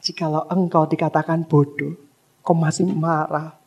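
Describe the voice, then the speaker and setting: A man's voice: fairly high pitch, little pitch movement, moderate pace, gravelly, darkish tone, breathy edge, muffled recording. A male pastor preaching a sermon to a congregation in church, impassioned and emphatic, with rhetorical questions.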